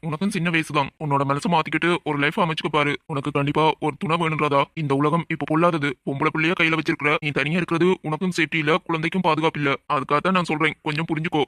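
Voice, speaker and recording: A man voicing a caring young friend who gently urges a widow to move on. His voice is bright and fairly high, with a flat, quick delivery. The recording is dry. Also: no room sound. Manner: earnest, coaxing. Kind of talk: audio drama acting.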